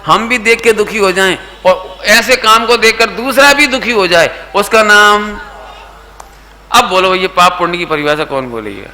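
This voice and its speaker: A middle-aged man giving a sermon to a youth camp, asking his listeners questions, mixing in English words, and now and then slowly singing a line of verse. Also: high-pitched, bright, forceful tone. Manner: asks the audience questions and coaxes answers; sings verse lines slowly. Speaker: Jain preacher.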